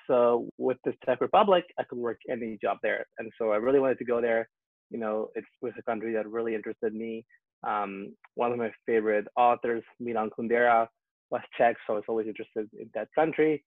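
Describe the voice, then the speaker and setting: Over a tinny, phone-like line with no room sound, a young man guests in an interview, speaking in a mid-range voice. A software engineer originally from Peru who grew up in Canada, he's relaxed and cheerful and says "um" a lot.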